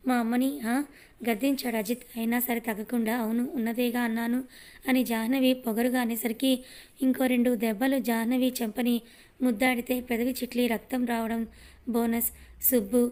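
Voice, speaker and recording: Woman with a steady, dark narrating voice. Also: on the high side. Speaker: storyteller. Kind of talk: scripted narration of an audio story.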